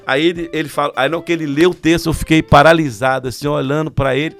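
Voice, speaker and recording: A man's voice: on the high side, steady tone, fast talker, fairly bright tone, soft background music. A man with a Brazilian Portuguese accent, a pastor who is a podcast guest, telling a story vividly and acting out the people he quotes.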